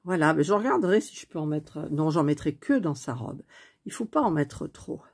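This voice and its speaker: A woman chatting softly as she stitches at home, thinking aloud in a casual cross-stitch tutorial recorded on a phone on a stand. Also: low voice, animated, moderate pace, creaky, breathy edge. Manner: speaks softly near the phone. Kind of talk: casual craft tutorial chat.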